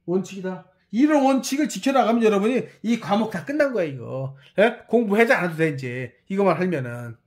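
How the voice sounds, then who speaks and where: A university professor delivers a recorded lecture with a lively, swooping voice. The talk keeps returning to key words and prodding listeners with short questions and a checking "yes?". It is the manner of someone explaining while writing and sketching on screen. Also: mid-range voice, a little fast, hardly any pauses.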